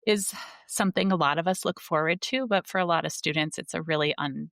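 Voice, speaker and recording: A woman's voice: sits low, fairly quick, gravelly, a bit bright, no room sound, studio quality. A woman school librarian talking earnestly in a casual conversation, with many fillers and restarts. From United States.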